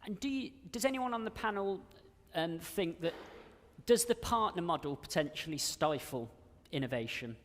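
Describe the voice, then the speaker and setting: A man with a slightly nasal, fairly high voice chairs a panel, moving things along briskly with a self-deprecating touch. His voice rings with the long reverb of a conference hall. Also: expressive. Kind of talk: moderating a panel discussion. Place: conference venue with live audience.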